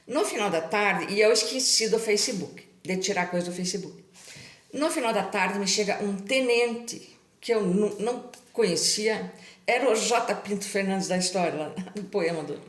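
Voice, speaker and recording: A woman's voice: mid-range voice, normal speed, echoey room. A middle-aged Brazilian woman telling a personal story to her viewers in a chatty way, often adding tag questions. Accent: Brazilian Portuguese. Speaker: channel host.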